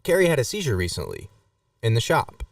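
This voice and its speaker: A man's voice: medium pitch, huge pitch swings, a little fast, vocal fry, no room sound, studio quality, recorded from a distance. A man co-hosting a casual live-stream podcast, joking around and relaying chat comments. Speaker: podcast co-host.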